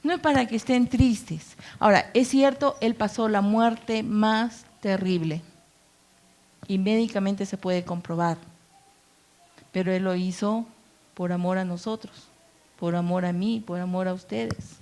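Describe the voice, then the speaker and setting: A woman's voice: mid-range voice, steady tone, measured pace, a little mellow. A woman pastor preaching a conversational sermon, full of rhetorical questions and playful acted-out quotes. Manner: acts out quoted voices with playful asides.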